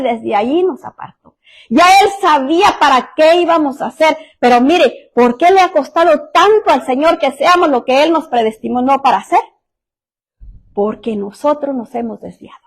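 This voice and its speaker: A middle-aged woman pastor preaches with a high voice, weaving family anecdotes into her sermon. She keeps checking in with her listeners, speaking to them directly and informally as she goes. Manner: warm storytelling, addresses listeners directly with asides like "mire" and "¿verdad?". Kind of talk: sermon with personal stories.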